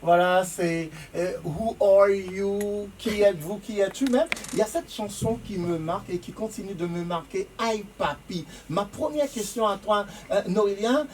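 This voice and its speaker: A woman's voice: medium pitch, measured pace, hardly any pauses, a little mellow, far from the mic. A woman hosting a casual radio interview in a studio, hesitant and repeating her words. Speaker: radio host. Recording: off-mic with faint noise.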